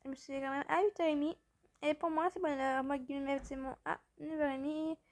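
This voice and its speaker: Woman, high voice, casual gameplay commentary, chatty and rambling, slightly tired. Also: brisk. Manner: chatty and rambling, excitable, with many fillers. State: a little tired, just woken up. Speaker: gaming channel host.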